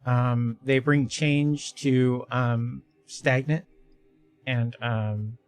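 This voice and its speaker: Slow halting guy dm, lots of ums, mid voice. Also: medium pitch, steady tone, clear, resonant tone, no echo, soft background music. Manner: halting, with many fillers. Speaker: game master. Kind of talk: describing a creature in a tabletop game.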